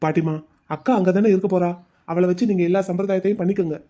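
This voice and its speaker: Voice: mid-range voice, fairly even intonation, fast talker, warm tone, natural voice. A voice actor playing a curt, protective young husband in a cartoon story, speaking firmly. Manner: firm, curt.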